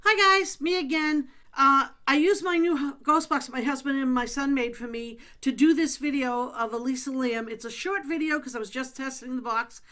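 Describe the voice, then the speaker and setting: A woman's voice: high-pitched, normal speed, few pauses, sharp tone. A woman hosting paranormal videos, speaking informally and addressing her listener directly. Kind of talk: casual video introduction and spirit questioning.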